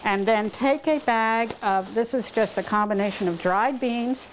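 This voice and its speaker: A woman's voice: a little high, a little slow, slight background noise. A woman cook giving a step-by-step cooking demonstration in a home kitchen. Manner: patient step-by-step instructing. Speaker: guest cook. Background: clinking dishes and cutlery.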